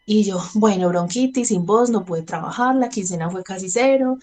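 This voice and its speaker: A woman's voice: mid-range voice, moderate pace, darkish tone. A Colombian woman in her thirties speaking openly in an interview, often laughing lightly and acting out what she said at the time. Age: 30s. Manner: candid, laughs between sentences, acts out her own past words. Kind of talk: personal testimony in conversation.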